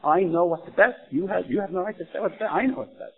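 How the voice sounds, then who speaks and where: A man's voice: high voice, quick pace, vocal fry, slightly rough, voice pushed up, exaggerated voice. God as a commanding male voice, as a man puts him on in a religious talk. He declares his will firmly and leaves no room for argument. The sound is thin and tinny. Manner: firm, declaring.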